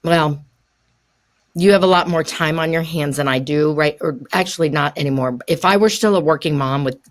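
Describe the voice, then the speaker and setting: A woman's voice: sits low, normal speed. Older woman, podcast coach, encouraging and chatty, laughs through her points. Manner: encouraging, laughs often mid-sentence. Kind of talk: conversational coaching chat.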